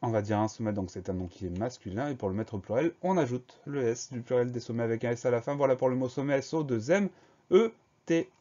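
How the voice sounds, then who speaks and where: A man's voice: medium pitch, lively intonation, quick pace, warm tone, dull audio. A man teaching a spelling lesson, carefully spelling out words letter by letter.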